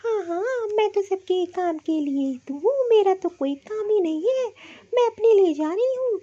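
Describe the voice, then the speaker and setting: A woman's voice: very high voice, sing-song, normal speed, warm tone, lo-fi sound. A woman voicing a sulky, short-tempered young daughter-in-law in a cartoon, talking in an irritable, complaining way. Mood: irritated. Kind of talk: cartoon voice acting.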